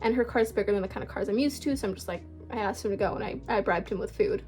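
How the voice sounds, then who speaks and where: A woman's voice: medium pitch, quick pace, a little mellow, faint music behind. A young woman, rambling casually through a storytime chat at home, with lots of filler words and swearing. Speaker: book vlogger.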